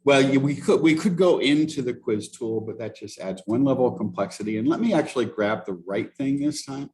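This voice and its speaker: Halting man demonstrating software on a call. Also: mid-range voice, sing-song, gravelly. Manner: halting, thinking aloud, self-correcting. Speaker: instructor leading a teaching workshop. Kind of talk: casual live software demo.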